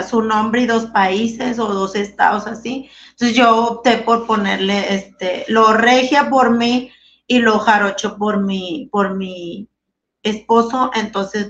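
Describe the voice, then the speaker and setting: On a video call from a small room, a Monterrey woman in her thirties with a northern Mexican accent is a guest in a casual interview, giggly, hesitant and full of fillers. Her voice is a little high and a bit bright, captured by a webcam in dull lo-fi quality.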